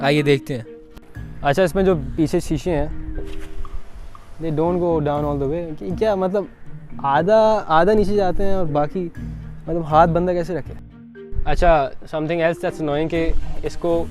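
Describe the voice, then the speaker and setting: A man with a Pakistani Urdu accent giving a relaxed walkaround review of a car outdoors, slipping English phrases into his talk. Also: on the high side. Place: outdoors beside a parked car.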